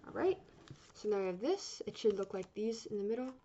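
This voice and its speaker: Here an origami course instructor talks a little fast at a medium pitch, giving a relaxed step-by-step tutorial. Chatty and meandering, she often says sorry and fixes her own mistakes. The sound is dull and lo-fi, with noise that never lets up.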